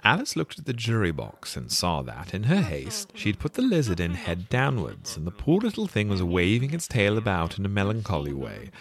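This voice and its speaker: Deep-voiced expressive storybook narrator, man. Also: brisk, few pauses. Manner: expressive storytelling, wide swings. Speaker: audiobook narrator. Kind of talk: scripted narration.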